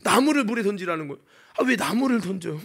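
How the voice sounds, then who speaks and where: A male pastor with a very high-pitched voice delivers a sermon as animated storytelling. He jumps from loud, exclaiming bursts to quiet, lowered asides. He keeps throwing rhetorical questions at the congregation. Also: fast, creaky, breathy edge. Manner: dramatic storytelling, swinging between loud exclamations and hushed asides.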